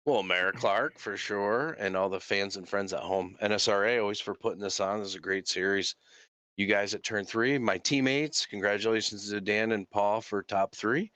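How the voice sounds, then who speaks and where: A man with a voice slightly on the low side answers as an interviewed racing driver. His delivery is casual, and the sound is dry. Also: moderate pace, bright, forceful tone, no echo.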